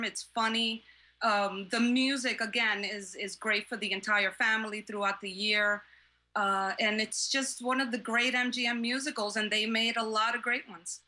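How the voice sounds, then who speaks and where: A woman's voice: on the high side, pushed and bright. A woman born in Cuba and raised in New York, a classic film fan, answering interview questions over a video call with frequent hesitations. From born in Cuba, grew up in New York. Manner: hesitant with many fillers, enthusiastic.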